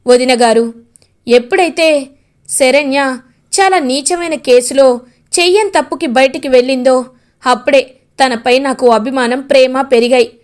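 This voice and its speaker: A woman voicing an earnest young man speaking calmly and sincerely. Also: sits high, moderate pace, pauses often, lightly acted. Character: earnest young man declaring new love.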